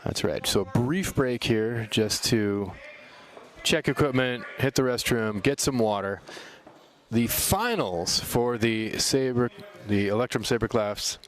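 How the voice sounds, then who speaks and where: A man's voice: mid-range voice, unhurried. A man doing live sports commentary as a tournament announcer, mixing casual remarks with score calls.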